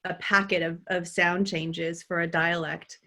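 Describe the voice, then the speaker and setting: A woman, a dialect coach, talking in a relaxed interview, animated and laughing often, with many restarts. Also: on the low side, a little slow. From United States. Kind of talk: conversational interview.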